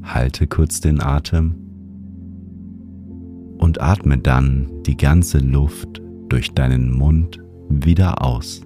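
A man narrating a guided sleep meditation as a podcast host, in the calming manner of a sleep story narrator. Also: rumbling low, drawn-out words, music in the background.

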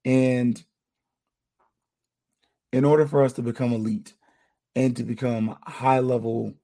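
A man with a hoarse, mellow voice and a gravelly rasp hosts a casual sports podcast, talking in a relaxed, chatty way and giving shout-outs. His pitch is medium and his pace measured.

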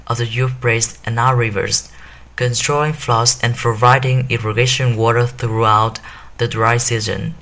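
A man reading a formal passage aloud at an even, careful pace. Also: medium pitch, measured pace. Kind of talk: read-aloud English passage.

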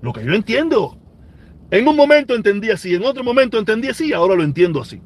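A man's voice: sits high, very animated, fast talker. A man in his forties with a Cuban accent, talking casually on a live stream and answering viewer comments, emphatic and prone to repeating himself. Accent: Cuban Spanish. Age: 40s. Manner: emphatic, repeats phrases for weight.

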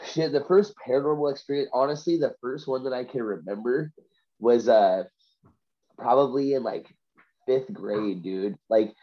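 Through dull-sounding audio, a mid-range male voice moves at a moderate pace: a podcast guest from Vancouver, sick with a stuffy covid cold. An amateur rapper and poet, he chats casually and tells personal stories, dropping dude, bro and you know constantly.

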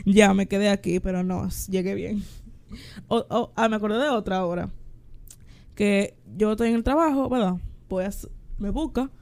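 A woman's voice: medium pitch, moderate pace, darkish tone. A young adult woman, a podcast guest who tells funny anecdotes expressively and quotes herself. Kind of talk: casual chat.

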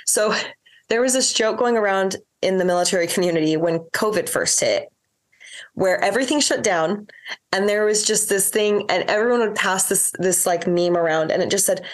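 A woman's voice: medium pitch, normal speed. A woman in her thirties talks as a guest on a casual podcast. She rambles candidly about family life, and she fills her sentences with "like" and breaks off to start them over. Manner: candid, rambling, full of fillers and self-corrections. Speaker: podcast guest, military wife and mother. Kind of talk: casual interview chat.

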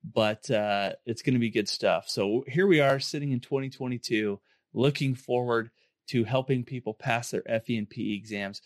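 Hoarse man hosting a casual podcast. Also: mid-range voice, normal speed, no room sound, studio quality. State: hoarse, under the weather. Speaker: podcast host. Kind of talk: casual podcast talk to listeners.

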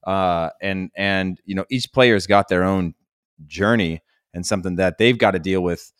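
An American man in his thirties chatting casually as a sports podcast host, often thinking aloud in a halting way. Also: deep voice, fairly bright tone, clear, resonant tone, no room sound, clean studio sound. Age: 30s. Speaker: podcast host, former national team soccer player.

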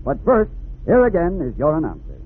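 A man as a suspenseful, grave narrator of a 1940s radio adventure serial, dramatic and measured. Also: fairly high pitch, wildly swooping pitch. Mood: tense, grave. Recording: narrow-band vintage radio, faint noise.

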